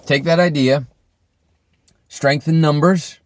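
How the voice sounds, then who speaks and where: A man's voice: a little high, fairly even intonation, slow, no echo, clean studio sound. A man delivering an off-the-cuff, emphatic opinion rant, swearing and often checking in with the listener. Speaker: vlogger.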